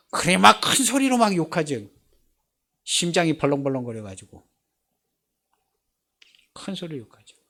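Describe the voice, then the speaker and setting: Male pastor, higher-pitched, emphatic sermon delivery with repetition. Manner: emphatic preaching with rhetorical questions and repetition. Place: church sanctuary.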